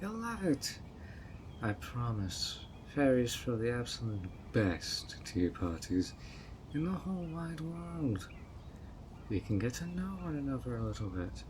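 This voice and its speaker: In an audio roleplay, a man voices a sweet but obsessive male fairy hosting a tea party, coaxing a guest with honeyed, playfully sly, sweetly scheming charm. His medium-pitched voice swings widely in pitch at an unhurried pace, over a noisy background.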